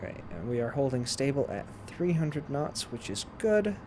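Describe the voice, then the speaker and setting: A man with a mid-pitched voice walks through a flight sim procedure as he plays. He explains each step casually, in the way of a tutorial. Aircraft simulator noise sits faintly to clearly behind his voice. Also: very animated, moderate pace. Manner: explains step by step while playing. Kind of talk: casual instructional gameplay commentary.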